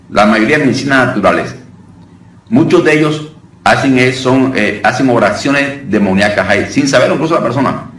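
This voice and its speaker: A man's voice: mid-range voice, a bit bright. Man, informal preaching lesson, conversational, restarts phrases, distant mic, roomy echo, faint noise. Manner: conversational, often calls listeners brother, with many restarts. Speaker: deliverance minister teaching.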